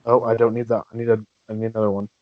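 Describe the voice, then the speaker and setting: A man's voice: lowish voice, flat delivery, very fast, no echo, phone-quality sound. A man co-hosting a casual baseball watch party, laid-back and laughing easily. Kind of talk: casual live baseball chat.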